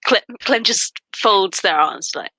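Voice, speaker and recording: A woman's voice: mid-range voice, animated, slow pace, pushed and bright, breathy edge, no room sound. A woman chatting casually as a player in a tabletop role-playing game, describing what a character does.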